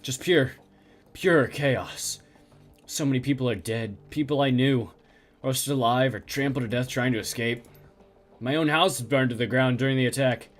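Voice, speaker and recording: A man voicing a haunted middle-aged male survivor who speaks in a halting, stammering way. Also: medium pitch, soft background music, close to an everyday voice. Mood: shaken.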